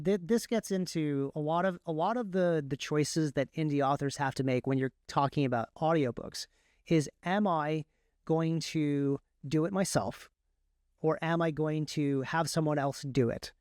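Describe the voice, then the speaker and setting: Speaking as a guest, an indie author who also narrates audiobooks describes his working process in a relaxed way, revising his words mid-thought. His voice is clear, resonant, slightly high and a little mellow, at normal speed, captured close with no echo.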